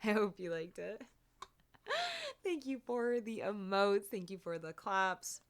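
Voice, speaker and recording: A woman's voice: medium pitch, takes it slowly. A woman with a Canadian accent chatting casually on a music livestream, thanking viewers in a cute, gushing way. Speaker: music streamer.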